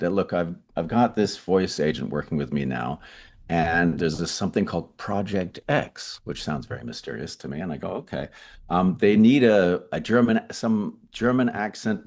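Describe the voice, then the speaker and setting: A man, a voice actor being interviewed, telling lively anecdotes with frequent stammered restarts. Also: sits low. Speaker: voice actor guest. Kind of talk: interview storytelling.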